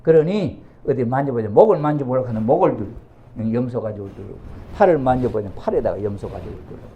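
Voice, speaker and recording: A man preaching by retelling a bible story in an animated way, acting out its characters as he goes. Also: medium pitch, quick pace, dull audio, slight background noise.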